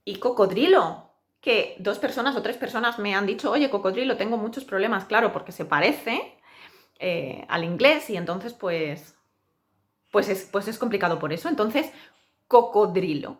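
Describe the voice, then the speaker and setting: Woman teacher enunciating slowly. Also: medium pitch, animated. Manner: slow, exaggerated enunciation of example words. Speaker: Spanish teacher. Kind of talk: pronunciation lesson.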